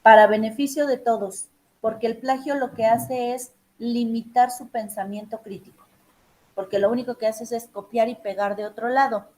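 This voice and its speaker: A woman's voice: fairly high pitch, steady tone, normal speed, darkish tone, low-quality recording. A woman teacher giving emphatic, direct instructions to her students in an online class session.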